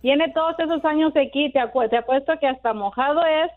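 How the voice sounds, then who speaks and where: A woman's voice: high voice, fairly quick, faint music behind. A woman caller on a radio show, talking in an indignant, rambling way over the phone. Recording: tinny phone line.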